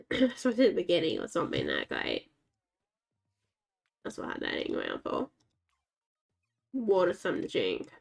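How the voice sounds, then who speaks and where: A game streamer with a naturally scratchy, lowish voice rambles casually to herself and the in-game dogs while she plays. Her pitch swings enormously, her speed is normal, and she pauses often, with vocal fry running through it all.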